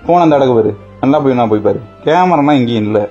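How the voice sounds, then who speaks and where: Guy teasing his bestie then saying sorry over and over, normal pitch, bit of music behind. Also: expressive, quick pace, warm tone, muffled recording. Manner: teasing, then apologetic and coaxing. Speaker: prank vlogger. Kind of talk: casual prank chat.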